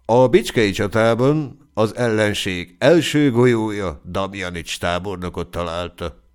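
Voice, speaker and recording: A man narrating a classic short story for an audiobook, in a measured storytelling manner. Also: fairly low pitch, clean tone. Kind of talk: scripted narration.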